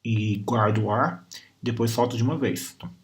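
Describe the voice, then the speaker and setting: A man's voice: mid-range voice, steady tone, normal speed. A Brazilian man teaching English grammar and pronunciation, patiently repeating sounds and words to demonstrate them. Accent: Brazilian Portuguese. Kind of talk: recorded class lesson.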